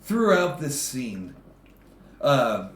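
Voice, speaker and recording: A man's voice: medium pitch, very animated, extremely slow, fairly bright tone, far from the mic. A man co-hosting a casual movie review chat, easygoing, with short agreeing replies and hesitant fillers. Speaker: podcast co-host. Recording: echoey room, faint background hiss.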